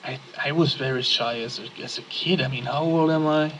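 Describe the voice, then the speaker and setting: A man's voice: mid-range voice, fairly quick, fairly bright tone, dull audio, a little hiss or hum. A man playing a text-based game, reading its text aloud and adding casual muttered asides. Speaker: let's play gamer.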